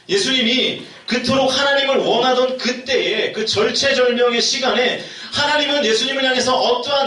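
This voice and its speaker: Young guy preaching in a church, high bright voice, echoey and a bit far from the mic. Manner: asks the congregation questions. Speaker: youth pastor. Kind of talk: sermon. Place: church sanctuary. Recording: echoey hall, mic heard from a distance.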